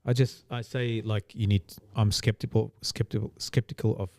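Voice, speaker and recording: A man co-hosting a podcast, talking in a rambling casual way with many restarts and quick agreement. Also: lowish voice, level tone, darkish tone, dry recording. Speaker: podcast co-host. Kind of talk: casual chat.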